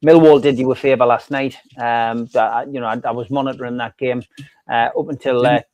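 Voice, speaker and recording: A North East English man chatting about football, halting, often restarting his sentences. He has a middle-pitched voice with a dry, close sound. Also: steady tone, darkish tone, dry recording. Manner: hesitant, lots of restarts and you knows. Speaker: podcast co-host. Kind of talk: casual football chat.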